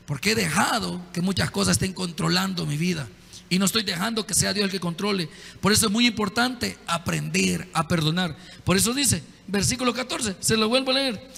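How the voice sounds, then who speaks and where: Man, pastor, sermon, bright forceful tone, echoey church hall. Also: very high-pitched, vocal fry. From El Salvador. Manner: conversational preaching, direct questions to the congregation.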